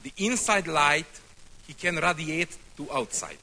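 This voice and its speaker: A man from Hungary, giving a speech to a congress in short phrases with pauses for an interpreter. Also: a little high, bright, forceful tone. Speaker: congress speaker.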